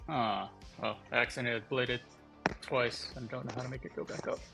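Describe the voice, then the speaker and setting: A man's voice: mid-range voice, fairly even intonation, brisk, gravelly, music in the background. A man playing in a tabletop game, unsure as he checks the rules. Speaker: player.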